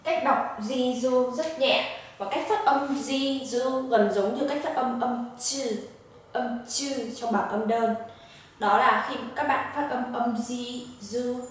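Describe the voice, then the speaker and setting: A woman teaching Japanese pronunciation, slowly demonstrating each syllable. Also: on the high side, a little hiss or hum. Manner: slow, careful demonstration of syllables. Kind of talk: pronunciation lesson. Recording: echoey room from a distance.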